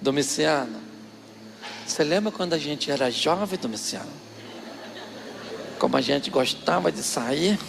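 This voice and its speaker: A man voicing a wise older aunt who gently sweet-talks her stern husband. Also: very high-pitched, big-room sound, noisy background. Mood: coaxing sweetly. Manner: soft, slow, coaxing.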